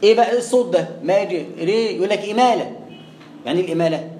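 A man with an Egyptian accent teaches Quran recitation to a room of students. He talks at a brisk clip, poses questions and answers them himself, and slows down to draw out sounds as examples. The recording is echoey, with a faint hum underneath. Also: high voice, dark tone. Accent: Egyptian Arabic. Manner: asks and answers his own questions, drawing out sounds to demonstrate. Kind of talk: classroom lesson on recitation rules. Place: classroom with students.

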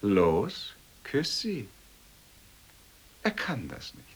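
Man acting out a mocking theatrical lecturer, husky low voice, wildly varied pitch, taunting and pompous. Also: huge pitch swings, extremely slow, exaggerated voice. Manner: sneering and showy, swings between loud and whispered. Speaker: actor. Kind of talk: stage or radio play acting.

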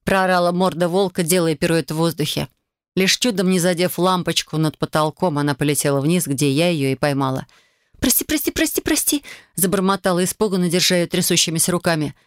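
A woman reading a first-person fantasy audiobook, expressive and flustered in the heroine's lines. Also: fairly low pitch, brisk, clear, resonant tone, dry recording, clean studio sound. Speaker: audiobook narrator.

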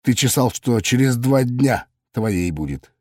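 A man voicing a calm, dry-witted male cop friend who mutters low and mocking in an audiobook. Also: measured pace, no echo.

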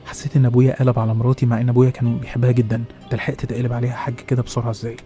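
A man with an Egyptian accent narrating a horror story in a hushed way, restarting his phrases. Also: medium pitch, monotone, very fast, soft background music. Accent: Egyptian Arabic.

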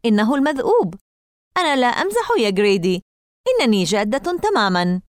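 A woman's voice: on the high side, very animated, brisk, dry recording, clean studio sound, voice pushed up. A woman reading aloud and voicing a teasing, spooky-minded young girl in an audiobook. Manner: playful, eager, teasing.

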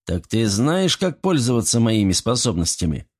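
A man voicing a stern, blunt young prince with a gruff, curt way of speaking. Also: mid-range voice, sing-song, normal speed, a little mellow.

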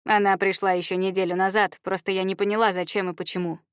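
A woman's voice: medium pitch, level tone, quick pace, smooth, dry recording, clean studio sound, natural voice. A woman voicing a firm, commanding woman who gives short orders, in a memoir reading.

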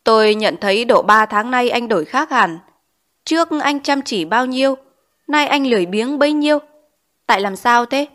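A woman's voice: a little high, animated, normal speed, fairly bright tone. A woman voicing a stern male village schoolteacher in an audiobook, scolding with pointed questions. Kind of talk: audiobook character reading.

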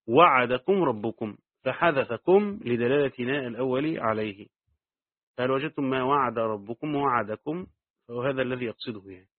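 A man with an Egyptian accent teaching Quran commentary. He reads the text aloud and then adds quick asides in colloquial dialect. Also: medium pitch, dry recording. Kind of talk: reading and explaining a tafsir text. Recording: dry, phone-like narrow sound.

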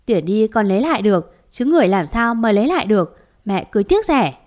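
A woman's voice: mid-range voice, very animated, a little fast, darkish tone, lightly acted. Woman voicing a weak pleading young husband. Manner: pleading, defensive.

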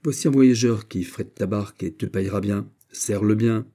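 Audiobook: male reader voicing a regal king, low, dark, courtly. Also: lightly acted. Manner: measured, courtly, gives orders. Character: proud exiled young king, calm and commanding. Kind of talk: audiobook character reading.

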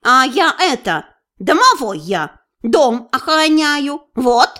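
A woman's voice: high voice, very animated, takes it slowly, bright, forceful tone, heavily acted. A woman voicing a grumpy male house spirit with burring r's and a scolding, folksy manner. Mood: flustered.

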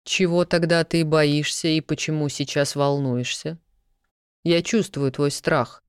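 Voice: medium pitch, steady tone, a little slow, clear, resonant tone, dry recording, studio quality, lightly acted. A reader voicing a stern nobleman who questions and gives orders coldly. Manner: cold, commanding, interrogating. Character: stern commanding nobleman, a baron.

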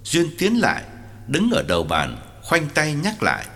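A man narrating an audiobook story with a lively, wide-ranging delivery. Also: a little high, unhurried, in a large hall. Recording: soft music underneath.

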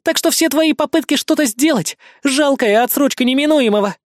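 A gloating female cyborg villain with a shrill, taunting voice, put on by a man narrating. She sneers at her enemy from a dry, close recording. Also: fairly quick, no echo. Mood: scornful.

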